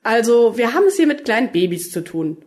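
An eager, quirky time traveller who rambles on when excited, as a woman reads him aloud. The voice swings up and down with lively expression, in a storybook reading. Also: a little high, fairly quick.

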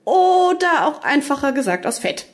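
A woman reading the lines of a quirky, excitable male alien time traveller in a storybook. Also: high voice, moderate pace, voice pushed up. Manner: excitable, rambling, lively.

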